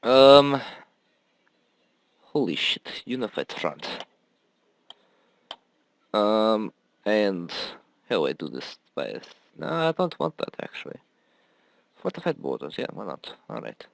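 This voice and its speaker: A man's voice: on the low side, very animated, takes it slowly, gravelly, pauses often, dry recording. A man giving rambling, casual commentary on his own strategy game, swearing often and laughing at himself.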